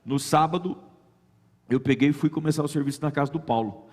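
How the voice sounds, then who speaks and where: A man's voice: on the high side, a little fast, slightly rough. A man telling a personal faith testimony as a guest, acting out the dialogue in his story. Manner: lively storyteller who acts out quoted dialogue. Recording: long reverb.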